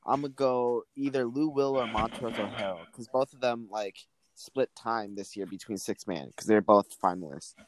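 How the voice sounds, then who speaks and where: A man's voice: on the low side, moderate pace, hardly any pauses, dry recording. A man guesting on a sports podcast, talking loosely with plenty of fillers. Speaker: podcast guest, basketball fan. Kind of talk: casual sports chat.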